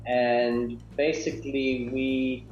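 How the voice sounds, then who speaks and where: A South African man in his thirties answers interview questions over a video call, relaxed and hesitant with many ums. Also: mid-range voice, slow pace. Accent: South African English. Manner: relaxed, with frequent ums and uhs. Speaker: guest, business founder. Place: small home office indoors. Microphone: webcam on a video call. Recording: dull, roomy video call audio.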